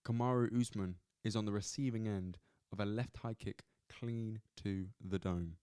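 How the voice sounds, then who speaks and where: A man hosting a solo sports podcast, reviewing fights in a loose, animated way, swearing and repeating himself as he goes. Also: lowish voice, normal speed, smooth, no room sound, clean studio sound. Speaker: podcast host. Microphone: camera at close angle.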